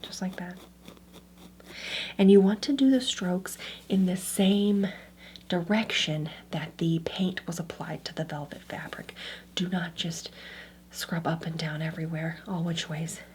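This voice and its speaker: A woman speaks in a low-pitched whisper, in an ASMR role-play as an antiques appraiser. She gently walks through instructions step by step, repeating small words softly. Clear background noise sits behind her voice. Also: a little slow.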